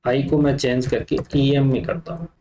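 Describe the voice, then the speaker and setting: A man's voice: medium pitch, steady tone, moderate pace, warm tone, slight background noise, poor audio. A man teaching a computer class, explaining step by step while he types, with frequent fillers. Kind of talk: live coding lesson.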